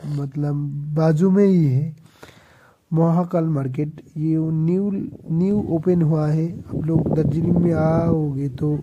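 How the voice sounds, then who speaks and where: Strolling through a crowded hill town square after dark, this male travel vlogger talks straight to his audience in a rambling way, often correcting himself. His voice is a bit high, and the audio is dull with a faint hiss or hum. Music blares loudly behind him.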